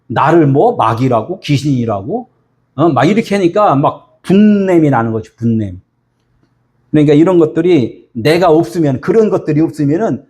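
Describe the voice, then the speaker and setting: A man's voice: fairly high pitch, a little mellow. A male pastor giving a sermon, firing rhetorical questions at the congregation.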